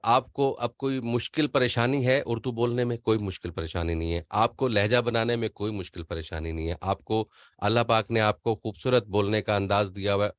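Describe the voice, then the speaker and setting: Earnest and rambling, an older voice-over teacher runs an online class and keeps dropping into quick impressions; Urdu is not his first language. His voice is lowish, recorded with no room sound.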